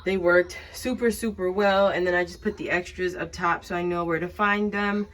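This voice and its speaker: Woman, 30s, chatty vlogger, low-pitched voice, home closet walkthrough. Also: fairly even intonation, moderate pace, a bit bright. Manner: chatty, many fillers, describing items as she shows them. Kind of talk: casual organizing walkthrough.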